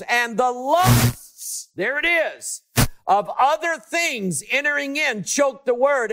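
A man with a very high-pitched voice preaches a sermon. He swings from shouted emphasis to hushed asides, stretching key words to drive them home.

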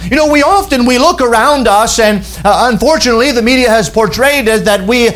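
A pastor preaching a sermon, earnest, slowing down and dropping his voice to stress key words. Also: very high-pitched, animated, fairly bright tone.

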